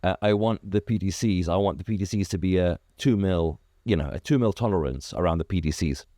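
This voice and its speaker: Deep-voiced man telling business stories. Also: fairly quick, no echo, studio quality. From Iraq. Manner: animated storyteller, acts out quoted dialogue, many restarts. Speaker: car detailing business founder, guest. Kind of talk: casual interview chat.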